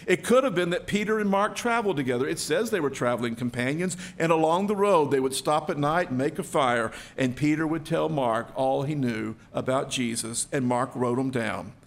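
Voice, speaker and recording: A man's voice: moderate pace, gravelly, few pauses. A man preaching a sermon, telling the story vividly and acting out the quoted voices. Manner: storytelling, acting out quoted voices with big swings in pitch and loudness. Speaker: pastor.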